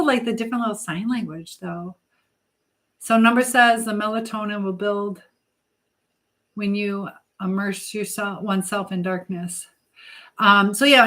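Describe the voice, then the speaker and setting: A middle-aged woman hosts a casual livestream chat from home, rambling chattily as she jumps between topics and answers viewers. Her voice is medium-pitched, bright and forceful.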